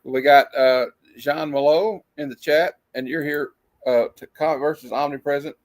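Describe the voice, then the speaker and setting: A man's voice: on the high side, steady tone, normal speed. A man hosting a horror movie show in a casual horror-host manner, chatting loosely as on a livestream.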